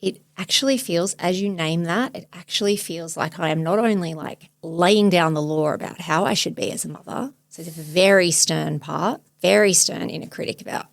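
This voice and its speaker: A woman in her forties, a therapist hosting a podcast, speaking thoughtfully and searchingly in a soft, reflective way. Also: lowish voice, normal speed, gravelly, few pauses, no echo. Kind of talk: reflective therapy demonstration chat.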